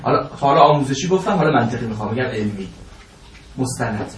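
A man teaching a seminary lesson on religious law, lecturing with emphatic, drawn-out phrases and joking asides. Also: medium pitch, animated, background noise. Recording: roomy echo, voice from a distance.

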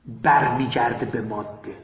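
A man teaching a class in a lecture, moving between quiet asides and emphatic rising bursts. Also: mid-range voice, fairly even intonation, roomy sound, low-quality recording. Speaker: seminary teacher.

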